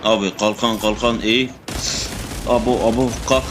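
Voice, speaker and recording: Excitable young man over game gunfire. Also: lowish voice, a little slow, noisy background. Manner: excitable, swears, talks to teammates and enemies. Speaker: gamer playing a shooter. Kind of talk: casual gameplay commentary. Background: gunfire and game sound effects.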